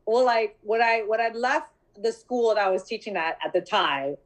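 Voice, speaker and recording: A woman in her thirties telling a story in casual podcast chat, animated, acting out dialogue and laughing often. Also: on the high side, moderate pace, low-quality recording. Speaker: podcast co-host.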